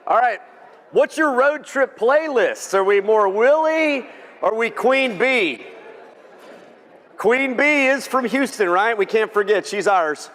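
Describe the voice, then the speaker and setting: A man's voice: extremely high pitch, expressive, slow, fairly bright tone. A man with a Texan accent giving a joking, folksy keynote speech to a luncheon crowd, asking the audience to vote along. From Texas. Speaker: keynote speaker. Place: large banquet hall. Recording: reverberant hall.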